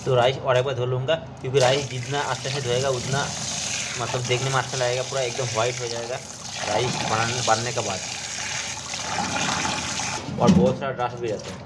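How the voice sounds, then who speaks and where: A man's voice: medium pitch, little pitch movement, fairly quick, long pauses, heavy background noise. A man casually narrating his cooking step by step in a home kitchen, talking to his viewers as friends. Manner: chatty, step-by-step, keeps saying "friends". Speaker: cooking vlogger.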